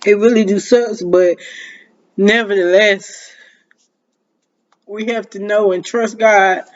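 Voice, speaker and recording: High-voiced man preaching slowly. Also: dull audio. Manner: slow, drawn-out delivery with frequent sighs, addressing viewers as y'all. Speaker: minister. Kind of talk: motivational preaching to camera.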